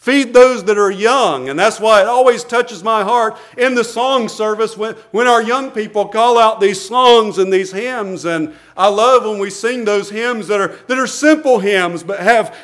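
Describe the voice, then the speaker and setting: A man's voice: high-pitched, fairly bright tone. A man preaching a sermon from a church pulpit, earnest, often repeating words and restarting phrases, with little chuckles between points.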